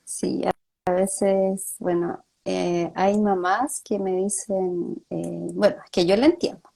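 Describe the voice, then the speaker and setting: A woman speech therapist talks through a live-streamed chat. Her voice is mellow and low in brightness, with a gravelly fry. She explains patiently and slips into the voices of the parents she quotes. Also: fairly even intonation, takes it slowly. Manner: explanatory, acts out parents' words.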